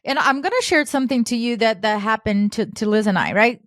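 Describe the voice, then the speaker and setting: A woman co-hosting a podcast in an earnest, coaching way. Her voice sits fairly high, and she brings quoted remarks to life with lively emphasis. The sound is dry and close. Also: fairly quick, dry recording. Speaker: podcast co-host. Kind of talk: casual podcast conversation.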